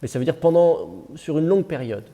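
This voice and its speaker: Male teacher, mellow and relaxed, patient, thinks out loud in class. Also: a little high, a little fast, highs cut off. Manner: patient, thinks aloud with many fillers. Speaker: Biblical Hebrew teacher. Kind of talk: classroom explanation.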